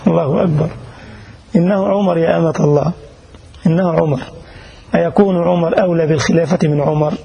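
A man's voice: fairly high pitch, fairly even intonation, fast talker, vocal fry, pauses often, dark tone, highs cut off. A man preaching in Egyptian Arabic, telling the story with dramatic passion and colloquial asides. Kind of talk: sermon storytelling.

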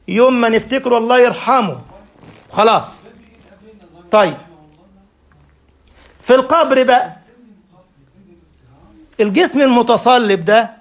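Man, Egyptian Arabic accent, religious lecture, high-pitched, answers his own questions, step-by-step explanations. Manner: asks rhetorical questions and answers them himself; explains step by step with everyday examples. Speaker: preacher.

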